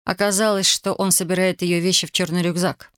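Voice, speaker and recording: An audiobook narrator reading a novel in a steady, dramatic manner. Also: mid-range voice, brisk, clear, resonant tone, no echo, clean studio sound.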